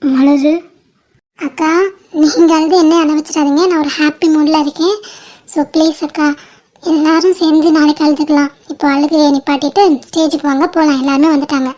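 A woman with a high voice performing every female role in a home-made family cartoon. Her delivery is emotional and pleading, full of sisterly affection. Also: level tone, fairly quick, a little mellow. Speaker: cartoon creator voicing all female roles. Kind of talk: family drama voice acting.

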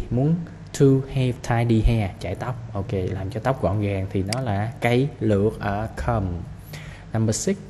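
A male English teacher, going through an exam practice lesson and repeating each word before explaining it briskly. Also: fairly low pitch, warm tone. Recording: reverberant room with faint noise.

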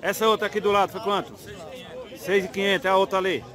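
This vlogger from Northeast Brazil has a fairly high, level voice and speaks quickly while filming at an outdoor cattle fair. Chatty and casual, he keeps asking sellers what things cost and relays their answers to his viewers, with a busy crowd clearly audible around him.

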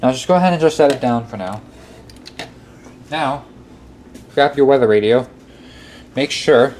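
A man with a slightly mellow, mid-range voice walks through a how-to at an indoor workbench, casually going step by step and frequently repeating his instructions. The amateur room recording is clearly noisy, with obvious background noise.

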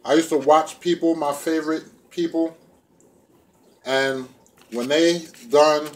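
At home in a small room, a middle-aged food vlogger chats to a phone or camera propped within arm's reach while he eats. His voice is slightly high, and he's laid-back and playful, using loose everyday slang.

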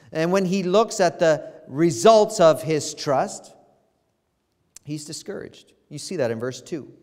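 A man's voice: fairly high pitch, big-room sound. A man, a pastor, preaching a sermon with earnest emphasis, his voice rising in the emphatic passages and sometimes restarting phrases. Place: church sanctuary.

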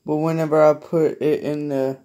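With a warm, somewhat high voice that barely moves in pitch, a man shows his collection at a moderate pace. He chats to viewers in a rambling, hesitant way, trailing off often, and films handheld in a small carpeted bedroom.

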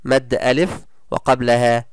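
With little pitch movement, a medium-pitched, clear and resonant male voice teaches a primary class in a recorded lesson. He often praises and encourages the pupils and pronounces example words slowly; the studio sound is clean and echo-free.

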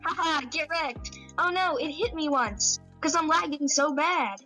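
A woman's voice: high-pitched, unhurried, over music. A woman chatting playfully with friends while playing a game. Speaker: gamer. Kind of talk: casual gaming chat with friends.

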